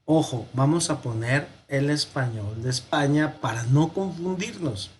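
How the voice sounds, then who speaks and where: A man teaching a recorded Latin lesson, speaking slowly, repeating forms for dictation and correcting himself aloud. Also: medium pitch, slight background noise.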